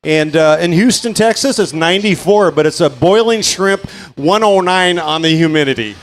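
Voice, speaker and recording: A man giving live bike race commentary, full of dad jokes and energetic calls of the action. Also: a little high, moderate pace, a little hiss or hum.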